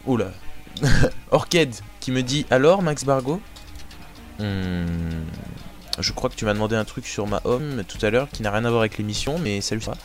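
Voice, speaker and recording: A man's voice: mid-range voice, animated, moderate pace, soft background music. A man hosting a live show in casual chat, reading out listener messages with joking banter. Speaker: host.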